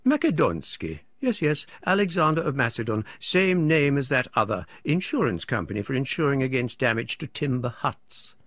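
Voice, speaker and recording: Man putting on a pompous impetuous gent, higher and louder, husky, dry close sound. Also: very animated, normal speed, few pauses, dry recording. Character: pompous joking male acquaintance, impetuous.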